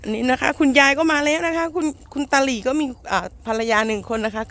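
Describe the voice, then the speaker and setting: In a noisy amateur recording made outdoors in a rural garden, a woman hosts a homemade comic skit. She narrates in a playful, mock-serious documentary style with polite sentence endings. Her voice sits high and is a bit bright and expressive, and she talks fast.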